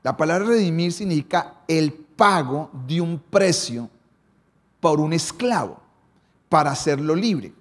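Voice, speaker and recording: A pastor preaching a sermon. His voice sits a little high for a man. He moves between quick runs and slow, weighty lines, often stopping on a rhetorical question. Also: animated. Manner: preaching, varied emphasis and pace, rhetorical questions.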